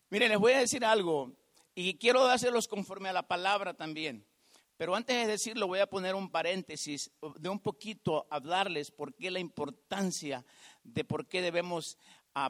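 A man's voice: high voice, measured pace, pauses often, fairly bright tone. A man preaching, telling a personal testimony in a conversational, storytelling way. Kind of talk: sermon testimony.

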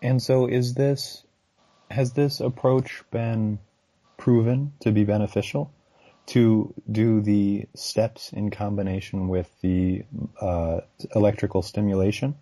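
A man acts as interviewer, with a mellow, dark voice that sits fairly low. He puts his questions in a measured, formal way. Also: steady tone, poor audio.

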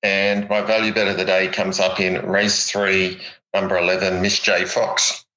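Bright, low-pitched Australian racing tipster man. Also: flat delivery, normal speed, rough recording. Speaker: horse racing tipster, co-host. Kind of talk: casual racing analysis chat.

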